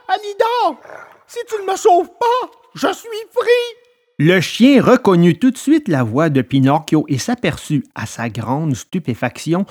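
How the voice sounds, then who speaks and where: Guy reading a kids story out loud, very animated voice, goes up and down a lot. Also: fairly high pitch. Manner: expressive, lively. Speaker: narrator.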